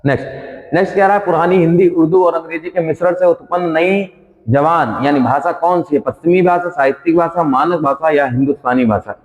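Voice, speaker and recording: A man's voice: on the high side, fairly quick. A male coaching teacher running a quiz-style exam revision lesson, reading each question and its options aloud, repeating them, then giving the answer. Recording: dull sound with long reverb.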